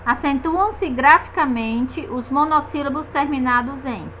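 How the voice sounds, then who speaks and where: A woman's voice: high-pitched, unhurried, a bit bright, slight background noise, low-quality recording. A woman teaching a grammar lesson, patiently checking in with her students and stretching out the stressed syllables of example words.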